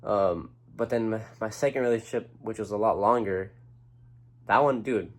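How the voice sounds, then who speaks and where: This young man speaks to camera at a moderate pace, his voice on the low side. As a vlogger sharing his feelings, he rambles earnestly, starts over often and swears in a casual way.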